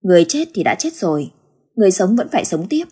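A woman reading a ghost story aloud in an even storytelling manner. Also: mid-range voice, fast talker, breathy edge. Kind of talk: scripted narration of a ghost story.

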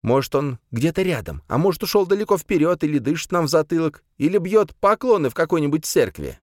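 Audiobook figure: a man doing a hot-tempered old man, high and loud, shouting in frustration, dry sound. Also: very animated, fairly quick, no room sound. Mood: furious. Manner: shouting, exasperated.

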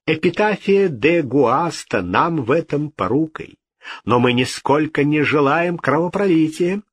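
A man's voice: a little high, animated, unhurried, breathy edge, dry recording. A male reader voicing a haughty king who speaks with icy, regal politeness. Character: haughty, cold-blooded king.

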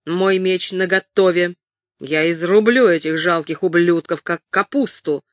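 A reader voicing a hot-headed, boastful Gascon swordsman who makes slow, menacing threats. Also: mid-range voice, no echo, natural voice.

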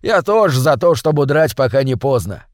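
A man's voice: medium pitch, big pitch swings, fairly quick, no echo, studio quality, natural voice. A man voicing a whiny, fearful small brother with a plaintive, complaining manner. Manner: whining, plaintive.

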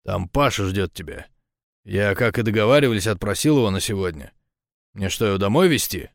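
A man's voice: fairly low pitch, expressive, no room sound, clean studio sound. A man reading an audiobook, voicing a nervous, defensive male henchman who talks in a hurry. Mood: hesitant. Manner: hurried, defensive, stammering. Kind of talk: audiobook dialogue.

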